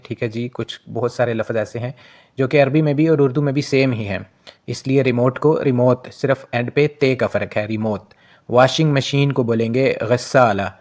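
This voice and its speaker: A man's voice: mid-range voice, a little mellow. Urdu-speaking guy doing a chill vocab lesson, says each word twice, medium voice, keeps saying theek hai ji. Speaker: language teacher.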